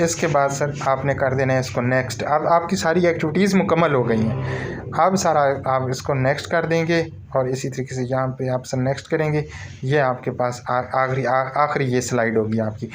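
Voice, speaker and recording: A man's voice: mid-range voice, moderate pace, slight background noise. Man walking through a screen tutorial. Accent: Pakistani Urdu. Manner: repetitive, addresses listeners as sir. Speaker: online course tutor. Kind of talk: screen-recorded tutorial walkthrough.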